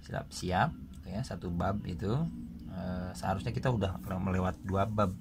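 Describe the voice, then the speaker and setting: A man's voice: low-pitched, steady tone, normal speed, creaky, background noise. A man teaching Arabic grammar, explaining step by step and checking in with his students after each example. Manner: explains patiently, with frequent "gitu ya" check-ins. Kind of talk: classroom grammar lesson.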